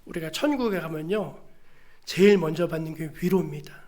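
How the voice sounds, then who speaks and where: In a church sanctuary, a male pastor preaches an emphatic sermon, asking the congregation rhetorical questions and calling them to read scripture aloud together. His voice is fairly high, brisk, and a little mellow.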